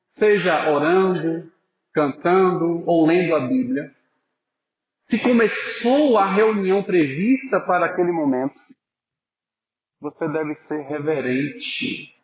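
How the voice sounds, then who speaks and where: A man preaching a sermon as pastor, earnest and pastoral, calling listeners brothers and sometimes dropping to a soft voice for emphasis. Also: high-pitched, reverberant, highs cut off. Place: church.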